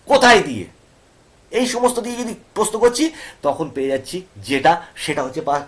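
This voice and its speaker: A male teacher with a Bengali accent, explaining grammar to students and often checking they follow with questions. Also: sits high. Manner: asks students questions and repeats points.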